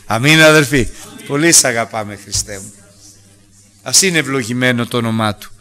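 A man preaching a Bible-study sermon to a congregation without a microphone, swinging from loud acted quotes to soft asides. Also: medium pitch. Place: church hall without a microphone.

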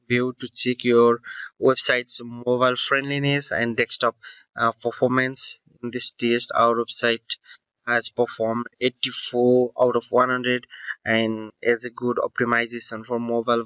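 A man's voice: medium pitch, sharp tone, clean tone, dry recording, highs cut off. A man narrating a screen-recording tech tutorial, explaining step by step with fillers and self-corrections.

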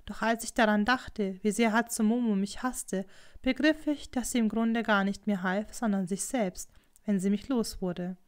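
A woman reading an audiobook in calm, scripted narration. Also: mid-range voice, moderate pace, clear, resonant tone. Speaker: audiobook reader.

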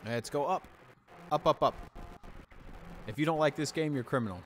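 A man streaming a video game from home in casual let's-play commentary, playful and animated, reading game text aloud and humming along. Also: on the high side, moderate pace, slight background noise.

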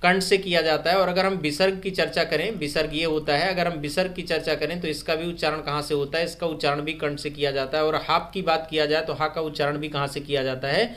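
A man teaching a live online grammar quiz, repeating each question and urging viewers to comment their answers fast. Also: a little high, little pitch movement, fairly bright tone. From India. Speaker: online exam-prep teacher. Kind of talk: live-stream Hindi grammar quiz lesson.

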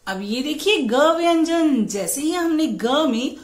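A woman with a high voice teaches young children, reciting rhymes and asking questions she answers herself. She talks slowly and patiently and. The room gives her voice a clear echo. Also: expressive. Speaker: primary school teacher. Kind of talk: teaching children Hindi matras and reciting poems.

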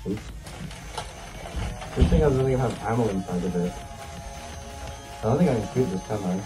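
A man's voice: on the low side, animated, normal speed, over music, rough recording. A young man vlogging in a fursuit, talking from inside the costume head in a rambling, hesitant, goofy way. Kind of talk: casual vlog chat. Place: bedroom indoors.

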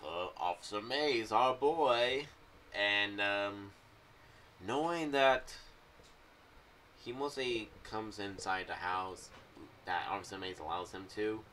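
The speaker, a young adult man, rambles loosely about his theories while reviewing an audio drama series for YouTube, using a fairly low, sharp-toned voice. Recorded in a small home room, he is slightly off to the side of a pop-filtered condenser mic on a boom arm, so the audio sounds a little distant, with faint background noise.

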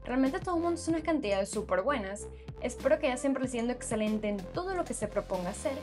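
A woman's voice: on the high side, quick pace, over music. Woman narrating a step-by-step screen tutorial. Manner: steady, explanatory, walks through numbers step by step. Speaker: YouTube channel host.

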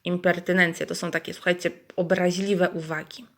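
A woman reading a picture book aloud to young children, pausing to explain things to them. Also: fairly low pitch. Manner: lively, acts out animal voices, asides to kids. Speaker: children's storyteller.

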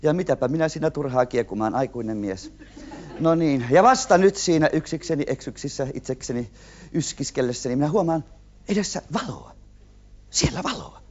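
A man's voice: a little high, lively intonation. A male TV host rambling through a punning, self-mocking comic monologue. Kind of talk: comic monologue to a studio audience. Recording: dull 1970s TV audio with audience.

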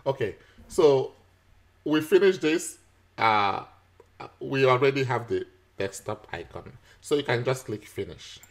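In a screen-recorded software tutorial, a man walks through each step patiently, often chuckling and using fillers. His voice sits at a medium pitch and sounds animated, with a slightly slow pace.

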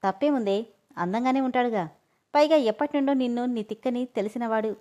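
A teasing, easygoing young man, read by a woman storyteller. He talks to his friend in a relaxed, mocking way, and the voice sits fairly high. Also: brisk, dull audio, close to an everyday voice.

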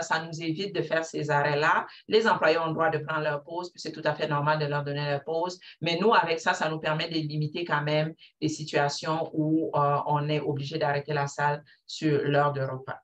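A woman with a Quebec French accent presents at a seminar. She sounds like she is set back from the microphone. She explains each point methodically and often pauses on fillers. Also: low-pitched, a bit bright, recorded from a distance. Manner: explanatory, with frequent fillers and restarts. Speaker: hospital operating room manager.

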